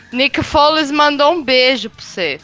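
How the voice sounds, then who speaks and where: Bright, higher-pitched Brazilian woman. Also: animated, takes it slowly, faint music behind. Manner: slangy, playfully indignant. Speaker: sports live stream panelist. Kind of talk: casual football chat.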